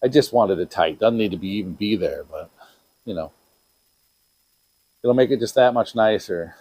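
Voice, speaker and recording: A man's voice: on the low side, expressive, moderate pace, a little mellow, slightly rough, no echo, rough recording. A middle-aged man from Wisconsin talking casually to the camera while repairing equipment in his workshop, rambling and talking to himself. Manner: rambling, talks to himself, playful. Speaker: DIY repair vlogger.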